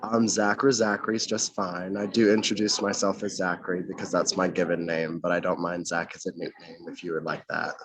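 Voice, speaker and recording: A man's voice: low-pitched, little pitch movement, fairly quick, few pauses, fairly bright tone, poor audio. A young man from North Carolina, a mayoral candidate, answering interview questions formally over a video call from outdoors, with frequent ums. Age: young adult.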